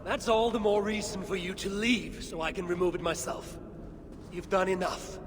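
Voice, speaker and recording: Actress as Eivor, brash husky Viking woman. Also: medium pitch, normal speed, crowd noise, natural voice. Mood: defiant. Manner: blunt, defiant. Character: brash, stubborn, proud female Viking warrior. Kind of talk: dramatic video game cutscene acting. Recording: echoing game scene with clear ambient noise.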